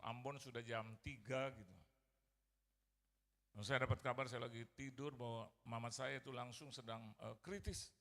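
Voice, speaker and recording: A man's voice: mid-range voice, pushed and bright. A middle-aged male pastor preaching a sermon as a personal story, acting out quoted voices and mixing in English phrases. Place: large church hall. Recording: church hall reverb.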